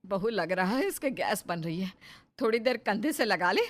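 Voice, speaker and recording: A woman voicing a stubborn older mother-in-law who talks loudly and bossily, scolding her daughter-in-law. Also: medium pitch, expressive, normal speed, close to an everyday voice. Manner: loud, bossy and scolding.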